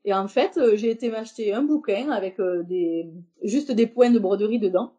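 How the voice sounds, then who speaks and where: Une femme invitée d'un podcast, qui parle de façon décontractée et hésitante, avec beaucoup d'hésitations et de reprises. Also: female voice, mid-range voice, normal speed, dark tone, dull audio. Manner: hesitant, many fillers and restarts. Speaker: podcast guest, embroiderer. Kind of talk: casual interview talk.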